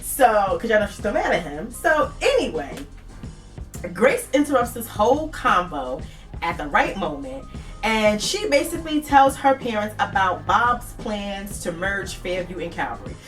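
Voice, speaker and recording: A woman's voice: medium pitch, very animated, a little slow, far from the mic, soft background music. A woman casually recapping a TV episode in a chatty, dramatic way, talking straight to her viewers. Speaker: TV recap vlogger.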